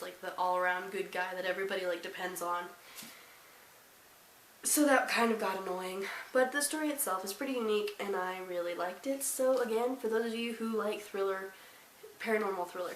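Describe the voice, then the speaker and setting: A teenage girl chatting casually about books she read this month, rambling with self-deprecating asides. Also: mid-range voice. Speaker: book vlogger. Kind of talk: casual monthly reading wrap-up. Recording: roomy, slightly distant, faint hiss.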